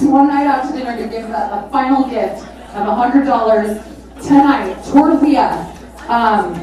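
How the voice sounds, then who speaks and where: Female fundraising auctioneer, high voice, exclamatory and chatty, heard from afar in a very reverberant venue. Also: dark tone. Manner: exclamatory, informal, chatty with bidders. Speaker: charity auctioneer and event host. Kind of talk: live fundraising auction calling. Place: large echoey event venue with a live audience. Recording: echoey hall, distant PA, crowd.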